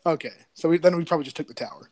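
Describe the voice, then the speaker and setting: Male player, higher-pitched, rattles along casually, dry close mic. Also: very fast, darkish tone, no room sound. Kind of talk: casual tabletop play.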